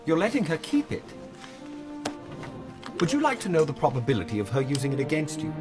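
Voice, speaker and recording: An actor playing a sarcastic, blunt reprogrammed droid in a film clip with a lively delivery. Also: male voice, fairly high pitch, brisk. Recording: film clip under loud music, far off.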